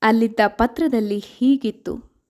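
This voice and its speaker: A woman narrating a story in a measured, expressive way. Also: fairly high pitch.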